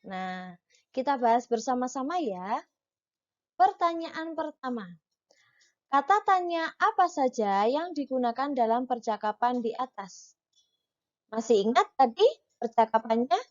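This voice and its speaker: A woman's voice: fairly high pitch, lively intonation. Patient woman teacher, lo-fi sound. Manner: patient, slow, reads dialogue with marked intonation. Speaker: primary school teacher. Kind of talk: online reading lesson for children.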